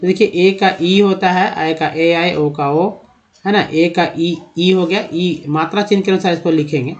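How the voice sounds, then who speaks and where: Man, fairly high voice, teacher explaining step by step, asks and answers himself, dull lo-fi recording. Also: fairly even intonation, a little slow. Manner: repeats questions and answers them himself, addresses viewers as friends. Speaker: English teacher. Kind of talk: explanatory lesson. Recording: dull lo-fi sound.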